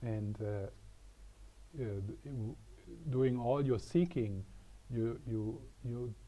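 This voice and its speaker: A man teaching meditation, telling a parable gently with many repetitions. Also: mid-range voice, takes it slowly, slight background noise, rough recording. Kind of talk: spiritual teaching talk. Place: workshop room.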